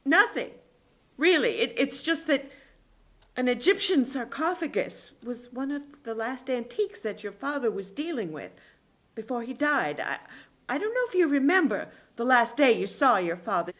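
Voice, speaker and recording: A woman playing a halting, evasive mother. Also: high-pitched, sing-song, fairly bright tone. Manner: hesitant, halting when pressed. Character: worried secretive mother of grown daughter. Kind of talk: audio drama acting.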